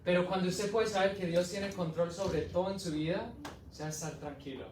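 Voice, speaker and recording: A man, an evangelist, giving an animated testimony sermon full of storytelling and laughs in a church hall. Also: high voice, fairly quick, slight background noise. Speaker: evangelist preacher. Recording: echoey hall from far off.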